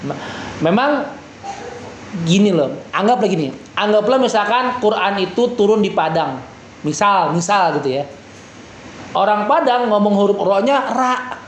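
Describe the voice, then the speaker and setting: A man teaching a relaxed Quran reading class, slowly chanting verses and then explaining in a chatty way with lots of fillers and everyday examples. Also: sits high, reverberant, slight background noise. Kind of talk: casual Quran reading lesson with recitation.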